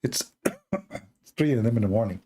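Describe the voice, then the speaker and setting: A man giving late-night livestream commentary, mocking and halting, with sarcastic asides. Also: mid-range voice, wildly swooping pitch, noisy background. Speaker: online debate streamer.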